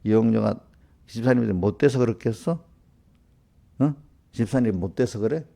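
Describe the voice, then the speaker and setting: Medium in pitch, brisk, gravelly yet mellow, a man's voice carries an informal sermon by a pastor to a small group. He speaks straight to the congregants, scolding them through rhetorical question after rhetorical question.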